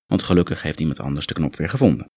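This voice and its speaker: A man guiding a muscle relaxation meditation, calm and instructive, gently coaxing the listener along. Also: extremely low pitch, racing, no room sound, clean studio sound. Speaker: relaxation exercise guide.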